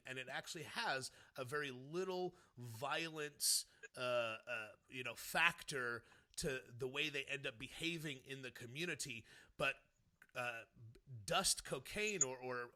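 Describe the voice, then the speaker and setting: A man with a strikingly bright, forceful voice at an ordinary pitch hosts an interview. He speaks slowly and haltingly, doubling back on words as he works toward his point. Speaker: interviewer, host. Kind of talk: interview, conversational opinion.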